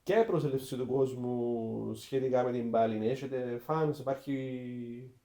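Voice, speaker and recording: A man's voice: medium pitch, mellow, faint music behind. A man asking questions in a casual interview. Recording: roomy, echoing sound.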